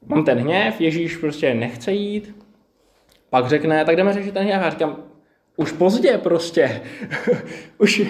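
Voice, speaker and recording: A man's voice: on the high side, darkish tone, roomy sound. A man giving a personal, reflective sermon in a conversational way, acting out his own inner dialogue. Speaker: preacher.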